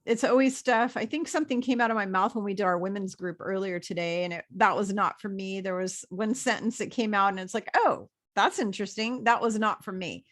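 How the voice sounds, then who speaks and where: A woman's voice: medium pitch, a little fast, few pauses. A woman guest who talks about her spiritual work in a chatty, enthusiastic, rambling way. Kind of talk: casual video interview chat.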